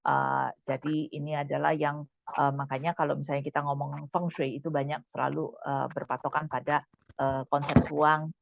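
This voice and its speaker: A woman's voice: sits low, level tone, normal speed, vocal fry, no echo, lo-fi sound. A woman teaching a Mandarin lesson online, explaining patiently with frequent "eh" fillers.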